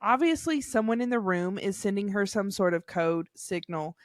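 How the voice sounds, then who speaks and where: A woman's voice: medium pitch, expressive, normal speed, no echo, studio quality. A woman, co-hosting a casual podcast and reading stories aloud with small laughs. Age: 30s. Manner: amused, laughs between lines. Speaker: podcast co-host.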